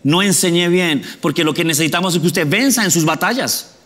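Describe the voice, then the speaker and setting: A man's voice: on the high side, brisk, fairly bright tone, in a large hall. A male pastor preaching a sermon conversationally, often asking the congregation questions.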